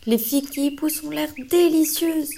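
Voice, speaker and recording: A woman narrating a children's fable aloud in a gentle, clear storytelling manner. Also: high voice, normal speed, a little hiss or hum. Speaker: story reader.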